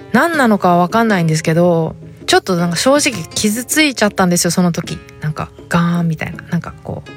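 A woman in her thirties from Japan with a Hakata accent, hosting a casual solo chat and telling stories animatedly with quoted dialogue. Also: on the low side. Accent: Hakata dialect. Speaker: podcast host.

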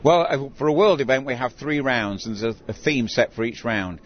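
A man's voice: medium pitch, animated, brisk. An older man who works as a town crier, telling stories conversationally in an interview. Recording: dull recording with clear background noise.

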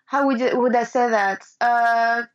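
A woman's voice: fairly high pitch, steady tone, unhurried. Woman switching languages midsentence, muffled sound. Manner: switches between French and English midsentence. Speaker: language teacher translating phrases into French. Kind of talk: conversational language lesson.

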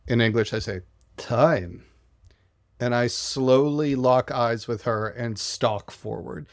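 A man playing a tabletop game, describing his character's actions in a slow, deliberate way. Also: medium pitch, steady tone, no echo, studio quality. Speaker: player.

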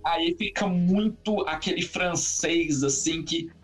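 Chatty man, rambling and animated. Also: a little high, takes it slowly, soft background music. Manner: rambling, animated, lots of fillers and restarts. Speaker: musician guest. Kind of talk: casual interview chat.

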